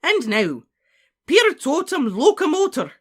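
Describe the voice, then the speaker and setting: An audiobook narrator voicing a stern, commanding woman professor of witchcraft, crisp and imperious, in a storybook reading. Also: medium pitch, sing-song, a little fast, fairly bright tone, voice pushed up. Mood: exasperated, commanding.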